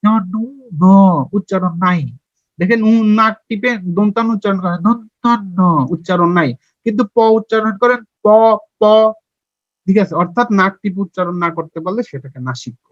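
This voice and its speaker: A young man with a high voice teaches a grammar lesson online. He takes it step by step and quizzes his listeners, then answers himself. The recording is dry and dull, with a lo-fi sound. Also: quick pace, a bit bright, dry recording. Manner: has listeners repeat sounds with him.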